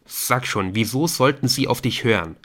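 A man's voice: medium pitch, normal speed, fairly bright tone, natural voice. A defensive teenage boy in a storybook snaps back in short, curt bursts, as a man reads him. His voice is edgy and brusque. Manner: snappish, brusque.

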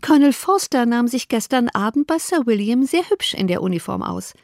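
A woman's voice: fairly high pitch, big pitch swings, brisk, gravelly, darkish tone, no echo, studio quality. A woman reading an audiobook, voicing a fussy, scheming middle-aged mother who frets and scolds. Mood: coaxing. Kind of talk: audiobook character voice.

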